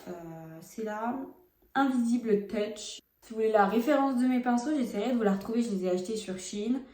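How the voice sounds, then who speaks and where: Talking fairly quickly, a young woman with a dark tone and a voice on the high side is recorded with a roomy sound. The beauty vlogger does a casual makeup test on her phone camera at home, chatting openly with viewers as she applies products.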